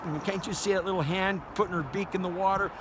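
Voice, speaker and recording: A man's voice: high voice, steady tone, fast talker. An older man with a folksy, conversational manner, giving a casual hunting lesson as a duck calling instructor. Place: outdoors by a river. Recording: noisy outdoor recording with ambience. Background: outdoor noise, duck call quacks.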